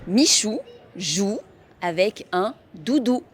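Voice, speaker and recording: A woman teaching pronunciation in a scripted lesson, enunciating each word clearly. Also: mid-range voice, lively intonation, slow pace. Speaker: French teacher.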